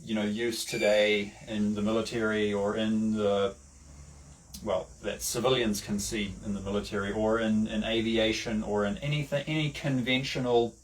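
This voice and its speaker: Rambling low-voiced man teaching, distant mic. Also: flat delivery. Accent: New Zealand. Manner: halting, many fillers and restarts. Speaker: online lecturer. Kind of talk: rambling casual lesson. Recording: distant mic with faint background noise.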